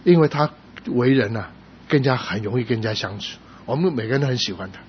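Animated man preaching a sermon. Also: medium pitch, fast talker. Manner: storytelling, animated with sudden loud emphatic rises. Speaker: pastor. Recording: slightly dull sound with faint noise.

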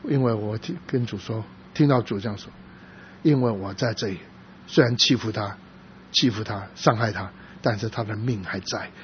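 A man preaching in a sermon, telling a story from his church work in a halting, soft-spoken way, with frequent restarts. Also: fairly low pitch. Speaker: pastor. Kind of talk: sermon testimony. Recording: dull lo-fi with faint noise.

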